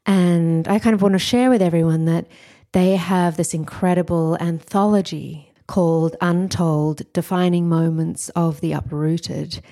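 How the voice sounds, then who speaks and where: Slow, mellow-voiced woman podcast host. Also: lowish voice, steady tone. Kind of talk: interview conversation.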